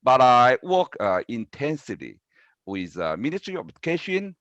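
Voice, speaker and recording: A man with a Taiwanese accent giving panel remarks as a professor, speaking haltingly and repeating words. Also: mid-range voice, big pitch swings, fairly bright tone, dry recording. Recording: dull, dry video-call audio.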